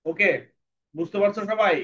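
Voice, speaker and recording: A man teaching an English phonics lesson, repeating sounds slowly and checking whether the students understand. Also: high voice, steady tone, a bit bright. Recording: dull lo-fi sound, faint background noise.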